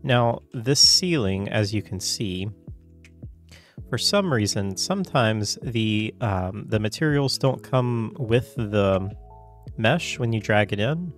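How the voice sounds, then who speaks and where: A man getting over a cold, coughing now and then, talking through a casual software tutorial in a loose, chatty way full of fillers and self-corrections. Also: lowish voice, lively intonation, slow pace, faint music behind. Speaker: tutorial host.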